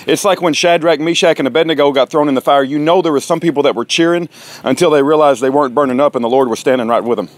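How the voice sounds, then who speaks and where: A man's voice: on the high side, fast, dry recording. A man in casual phone conversation, eagerly cutting in and repeating his words.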